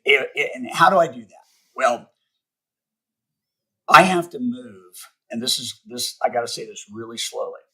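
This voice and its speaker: A middle-aged man teaching sales on a podcast in an emphatic, coaching manner. His voice is bright and forceful with a husky edge, and he slows right down to drive each point home. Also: medium pitch, rough recording. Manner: emphatic, spells out acronyms slowly, acts out sample calls. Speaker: sales trainer and guest. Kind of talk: podcast interview, motivational teaching.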